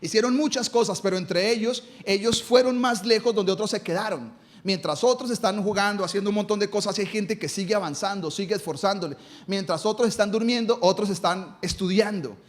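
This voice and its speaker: A man preaches in church with a raised, high-pitched voice. He hammers his points home by asking questions aloud and answering them himself. His delivery is emphatic, the way a pastor talks to his congregation. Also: brisk. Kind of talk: live sermon.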